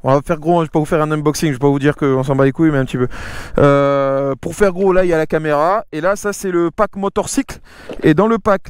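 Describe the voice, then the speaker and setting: A man's voice: fairly high pitch, steady tone, fast talker, clear, resonant tone, dry recording. A man presents gear in an offhand vlog style. He is slangy and sweary, and hesitates as he explains things. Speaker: vlogger presenting a camera. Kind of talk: casual hands-on product presentation.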